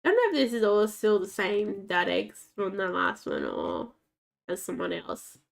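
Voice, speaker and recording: Her medium-pitched voice is creaky and naturally scratchy, moving at a moderate pace with huge swings in pitch. She's a game streamer giving casual commentary, rambling along and talking to herself and the dogs in the game.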